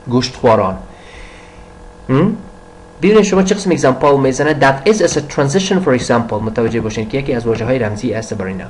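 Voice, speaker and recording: An older man teaching an English vocabulary lesson, switching between quick explanations in his own language and slow, careful English reading. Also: mid-range voice, darkish tone, rough recording.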